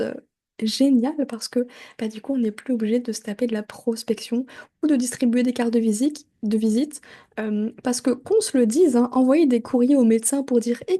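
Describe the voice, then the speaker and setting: A middle-aged woman hosting a solo podcast, talking in a chatty, animated way full of asides and fillers. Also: a little high. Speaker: podcast host. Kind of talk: casual solo podcast talk.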